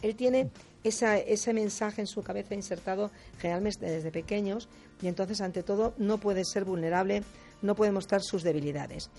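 A woman speaking as a guest on a radio talk show, explaining in a lively way, acting out quotes and often adding quick tag questions. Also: medium pitch, faint music behind. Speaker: guest speaker on difficult personalities.

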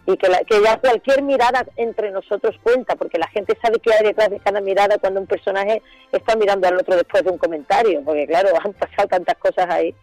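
A middle-aged woman from Seville with an Andalusian accent, an actress chatting as a guest in a lively, colloquial way, laughing often. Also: medium pitch, quick pace, dry recording, soft background music, low-quality recording. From Seville, Spain. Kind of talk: casual chat.

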